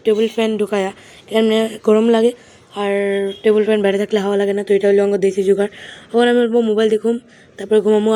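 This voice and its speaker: Young woman vlogger, quick, flat-toned chatter, phone mic at home. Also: on the high side, slight background noise. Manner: chatty, often speaks softly. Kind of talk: casual home vlog. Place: at home, indoors.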